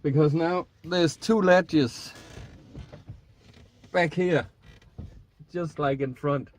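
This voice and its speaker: A middle-aged man speaks haltingly in a casual demonstration vlog, recorded inside a small minivan camper. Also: on the high side, slight background noise. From Denmark. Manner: hesitant, halting delivery while working. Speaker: vlogger. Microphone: camera a short distance away.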